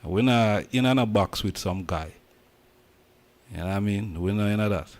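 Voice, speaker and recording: Deep-voiced Jamaican man, emphatic. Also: moderate pace, darkish tone. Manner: emphatic, preaching in Jamaican patois. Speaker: host. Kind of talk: casual commentary.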